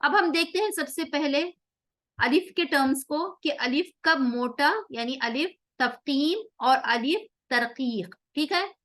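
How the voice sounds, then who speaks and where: A woman teaching Quran recitation rules, explaining patiently in Hindi with English words and slowly drilling example words again and again. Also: high voice, a bit bright. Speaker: tajweed teacher.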